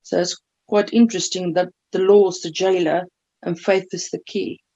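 A woman's voice: fairly low pitch, flat delivery, moderate pace, mellow. A middle-aged woman on a video call reading a Bible passage aloud and remarking on it. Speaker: bible study participant. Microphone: webcam on a video call. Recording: dull lo-fi video call audio.

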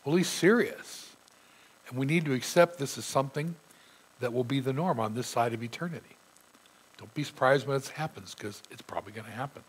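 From the pulpit, a middle-aged pastor with a sore throat gives a sermon, reading scripture aloud with earnest emphasis. His mid-range voice is husky and brisk, and the recording is rough.

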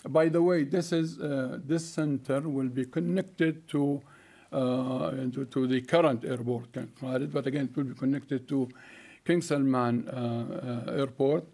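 Standing at a lectern on a conference hall stage, an older keynote speaker talks into the lectern microphone in a warm, mid-range voice. He speaks haltingly, with many fillers and restarts.

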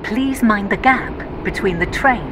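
A woman giving scripted train station announcements to passengers in a measured, formal, segmented way. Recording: loud train noise over announcement. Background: rumbling train ride ambience.

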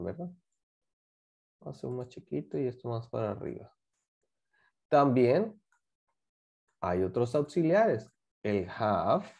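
A man's voice: mid-range voice, gravelly, darkish tone, muffled recording. A man teaching a class, patiently explaining grammar and repeating examples while asking students to join in. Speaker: English teacher.

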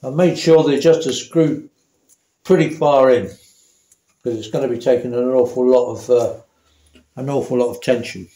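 A man's voice: medium pitch, fairly even intonation, normal speed, long pauses, dark tone, reverberant, slight background noise. A man demonstrating a motorcycle repair in a workshop, chatty and correcting himself as he works. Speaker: motorcycle mechanic. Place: indoor workshop.

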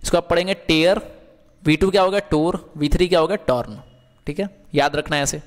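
A man's voice: on the high side, normal speed, long reverb tail. A man teaching English verbs in Hindi, asking questions and answering them himself, with frequent checks that the class is following.

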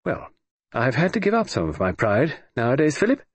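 A man reading an audiobook, voicing an imperious, deaf old aristocratic lady with crisp, commanding upper-class speech. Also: mid-range voice, wildly swooping pitch, fairly quick, no room sound, pitched above the performer's own voice, heavily acted. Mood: tart.

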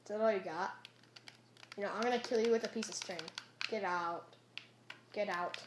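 A young woman giving casual gameplay commentary, excitable and taunting, laughing and yelling often. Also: mid-range voice, normal speed. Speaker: gamer. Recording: echoey room with faint noise.

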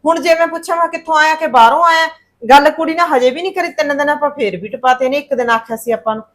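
A woman plays a fretful middle-aged mother in a short film drama, pressing her point again and again. Her voice is high, and her talk stays anxious and insistent. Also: quick pace, a bit bright. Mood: worried. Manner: worried, insistent. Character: anxious mother worried about her son's marriage.

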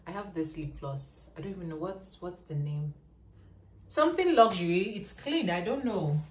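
A woman's voice: lowish voice, expressive, moderate pace. Chatty young woman vlogging in an echoey room. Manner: chatty, laughs often. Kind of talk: casual vlog chat. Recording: echoey room with faint noise.

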